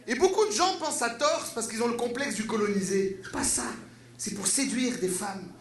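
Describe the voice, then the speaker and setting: A young man with a Quebec French accent doing an animated, slangy stand-up routine on stage. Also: extremely high pitch, fairly quick, reverberant. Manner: animated, slangy, many voices. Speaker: stand-up comedian. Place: comedy stage.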